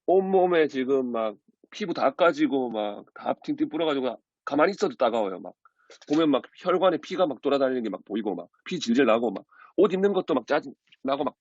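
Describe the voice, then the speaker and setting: A man's voice: mid-range voice, animated, fast talker, husky, dry recording, lo-fi sound. A man teaching a youth Bible group in a casual, vivid storytelling manner with many fillers.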